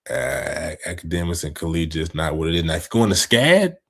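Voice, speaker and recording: A man's voice: low-pitched, very animated, a little fast, fairly bright tone, breathy edge. A man co-hosting a podcast, talking sports in a laid-back, slangy way and often asking "you know what I mean". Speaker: podcast co-host. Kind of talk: casual sports chat.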